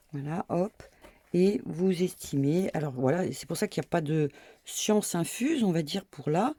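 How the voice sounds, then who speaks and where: Middle-aged woman hosting a home sewing tutorial, husky and gravelly, talking while she works. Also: on the low side, warm tone, no echo. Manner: chatty, self-mocking, talks while working with many "hop" and "voilà".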